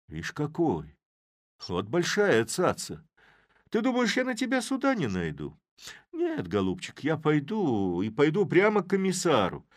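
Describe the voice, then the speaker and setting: Brief: man playing a crafty old village grumbler, muttering to himself, lively pitch. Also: dry recording, clean studio sound.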